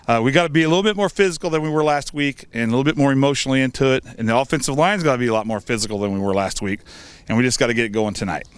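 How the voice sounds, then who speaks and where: American coach talking through a face mask. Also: male voice, medium pitch, very fast, clear, resonant tone. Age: middle-aged. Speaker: high school football coach. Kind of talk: pregame interview answers.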